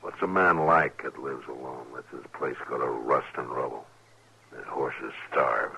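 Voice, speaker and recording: A man with an American accent playing a stern, patient frontier marshal in an old-time radio drama, speaking in terse, measured, commanding lines. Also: rumbling low, vocal fry, bright, forceful tone, breathy edge, full character voice. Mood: pondering, somber. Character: stern, steady western US marshal, grave and patient. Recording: noisy vintage radio recording.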